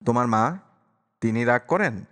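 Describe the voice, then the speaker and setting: A polite, curious young woman teacher, voiced by a male reader, asking gentle, probing questions. The voice is lifted a little above his own, and it carries a long echo. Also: mid-range voice, animated, a little slow.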